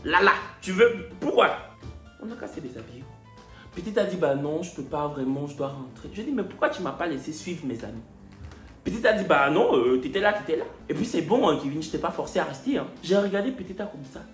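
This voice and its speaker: A man's voice: fairly high pitch, a little fast, echoey room, soft background music. A man with an Ivorian French accent, a comedian telling a story and acting out each part of the dialogue. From Côte d'Ivoire. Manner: animated, acts out every part of the dialogue. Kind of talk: comic storytelling.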